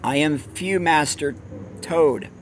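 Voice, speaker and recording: A man's voice: a little high, slow, slight background noise. A man reading as a sneering hobgoblin boss. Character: fat sneering male hobgoblin leader.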